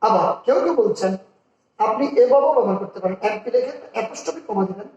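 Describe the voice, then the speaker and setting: This man talks fast and expressively in a high, darkish voice, with the top frequencies cut off and an echoey room around him. He lays out English grammar rules step by step, reads example sentences, and repeats key terms.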